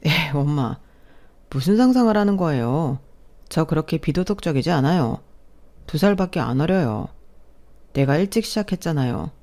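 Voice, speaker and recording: A woman reading a young son caught out and defending himself, in a narrated story drama. His tone is mellow and dark, and he sounds earnest and pleading rather than angry. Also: low voice, animated, normal speed, pauses often. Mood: defensive.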